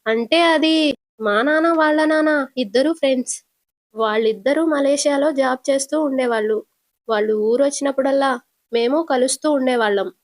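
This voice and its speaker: A woman's voice: sits high, pitched above the performer's own voice, lightly acted. A woman voicing a sly young woman who answers defensively while scheming, in a retold serial episode. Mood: protective. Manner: defensive, quick comebacks.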